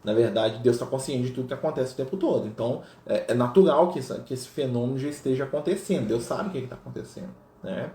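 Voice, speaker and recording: A man's voice: mid-range voice, fast talker, few pauses, warm tone. A man leading a study group in casual teaching talk, reading passages aloud and checking in with many tag questions. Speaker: spiritist study group leader. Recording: roomy echo with faint noise.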